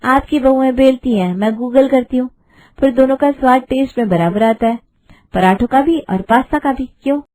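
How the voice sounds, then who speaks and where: A woman's voice: sits high, moderate pace, warm tone, voice pushed up, poor audio. A woman voicing a witty, defiant young bride in a cartoon story, with cheeky, sassy retorts.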